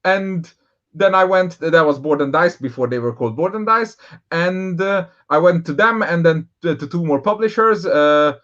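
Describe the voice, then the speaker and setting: A man's voice: fairly high pitch, expressive, normal speed, fairly bright tone. A man from Hungary, a board game designer telling his story in a casual interview, rambling with lots of fillers and restarts. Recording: dull, lo-fi sound.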